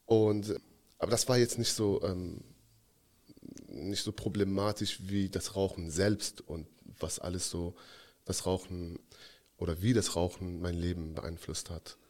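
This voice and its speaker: A man's voice: sits low, fairly even intonation, unhurried, a little mellow. A young man from Afghanistan, a podcast guest telling his story in a hesitant, reflective way with many fillers. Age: 20s. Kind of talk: casual interview talk.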